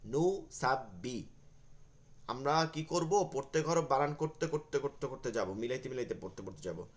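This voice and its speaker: A man's voice: medium pitch, animated, moderate pace. A man teaching an online Quran reading class, spelling out and drilling each syllable.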